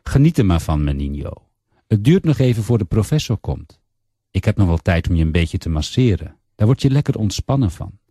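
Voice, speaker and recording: A calm, coaxing male nurse speaks in a low, warm tone with a husky edge. A man reading the story aloud voices him. The sound is close and dry. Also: brisk, no room sound, heavily acted.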